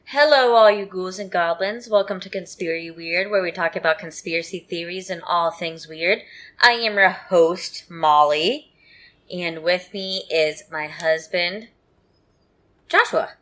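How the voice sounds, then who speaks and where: A woman's voice: lowish voice, measured pace, fairly bright tone. A woman co-hosting a casual podcast chat, sleepy and yawning, with playful teasing banter. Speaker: podcast co-host.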